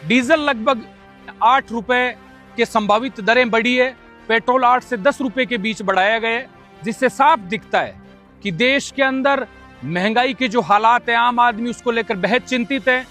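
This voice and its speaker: A man from the Bikaner area of Rajasthan giving an impassioned political video statement in a forceful, declamatory, accusatory way. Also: very high voice, a little slow, soft background music. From Bikaner area, Rajasthan, India. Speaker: local political activist.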